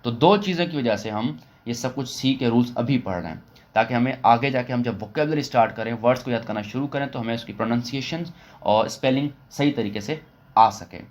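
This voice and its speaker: Male online English teacher from Pakistan, patient step-by-step explainer who repeats rules and slows right down for English phrases. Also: mid-range voice. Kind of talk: online phonics lesson.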